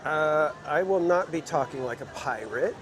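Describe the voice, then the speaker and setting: A man hosting a casual walking livestream in a theme park, chatting with viewers in a relaxed, rambling way. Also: fairly high pitch, moderate pace, over music. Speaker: livestream host. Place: outdoors in a busy theme park. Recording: loud outdoor park noise.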